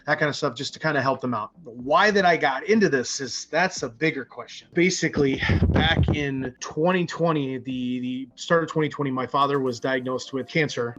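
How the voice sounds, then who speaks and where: A man's voice: mid-range voice, a bit bright. Casual man in his forties, lo-fi. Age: 40s. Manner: casual, many fillers and restarts. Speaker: nonprofit founder. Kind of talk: remote interview answers.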